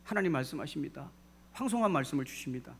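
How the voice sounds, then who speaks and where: A man preaching from the pulpit of a church, with a slightly higher voice than most men. He is animated, acting out the voices he quotes and calling on the congregation to join in responses. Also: fast talker, slightly rough. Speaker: pastor. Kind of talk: sermon. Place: church sanctuary.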